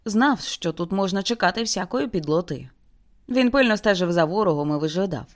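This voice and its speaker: A woman reading a novel aloud as an audiobook, with intense dramatic narration that slows for grim moments. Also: mid-range voice, expressive. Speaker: audiobook reader.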